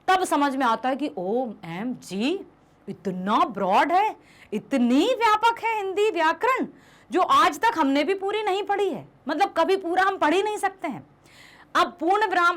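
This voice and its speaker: A young woman teaching a revision class in a high, lively voice that rises and falls a great deal. She keeps asking her students questions and explains things patiently, now and then calling them "beta". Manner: addresses students affectionately as "beta". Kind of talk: Hindi class revision lesson.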